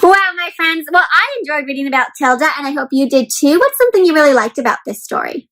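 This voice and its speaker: A woman hosts an interactive children's picture-book read-aloud, her high, expressive voice fast, pushed and bright. She keeps her phrases simple and encouraging and puts questions to the young listeners.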